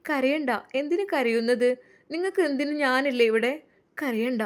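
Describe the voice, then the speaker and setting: A woman voicing a soft, devoted young wife who gently pleads with and comforts her husband. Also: sits high, normal speed, voice pushed up, lightly acted. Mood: soothing.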